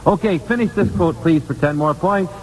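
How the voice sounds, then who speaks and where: The host of this 1950s radio quiz speaks in a high, slightly mellow voice at an ordinary pace. He keeps things chatty while staying courteous and formal. It's an old broadcast with long reverb and a faint noise floor.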